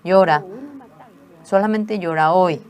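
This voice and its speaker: A woman's voice: mid-range voice, expressive, normal speed, darkish tone, close to an everyday voice. A woman voicing her firm, loving middle-aged mother, who urges her in a stern, insistent way.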